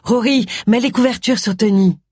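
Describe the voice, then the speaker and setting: Woman voicing a brisk, caring village woman. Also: on the high side, a little mellow, breathy edge, no room sound, studio quality, voice pushed up.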